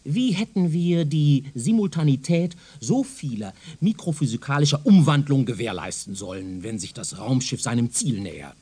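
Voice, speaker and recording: In a German radio drama, a self-assured professor from the future lectures in a pedantic, condescending manner full of rhetorical emphasis. His husky, slightly high, darkish voice swings dramatically up and down, and the performance is heavily acted.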